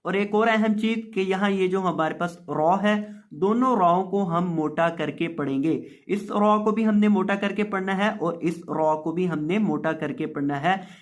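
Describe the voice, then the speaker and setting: A man's voice: sits high, measured pace. A man teaching Quran reading step by step, patiently repeating and drawing out each word. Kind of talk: slow step-by-step lesson.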